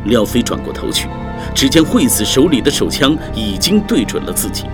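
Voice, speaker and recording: Sex: male. Role: storyteller. Style: expressive audiobook narration. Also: mid-range voice, moderate pace. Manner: vivid, expressive reading. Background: music.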